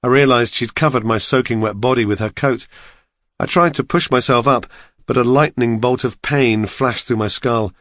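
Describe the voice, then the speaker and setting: A man narrating an audiobook in the first person, steady and measured. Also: mid-range voice, no room sound, studio quality.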